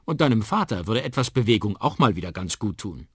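A kindly, bashful middle-aged uncle from a children's radio story, as a man voices him. His voice is husky and swings freely in pitch. He speaks warmly, with a touch of shyness. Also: big pitch swings, fairly quick, dry recording, studio quality, exaggerated voice. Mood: friendly. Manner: warm and a little bashful.

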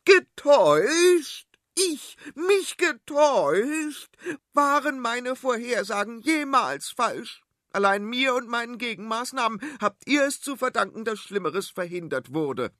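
A man voicing a shrill, imperious, self-righteous queen in a children's radio story. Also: lively intonation, unhurried, pushed and bright, dry recording, studio quality, exaggerated voice. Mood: indignant. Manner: shrieking, indignant.

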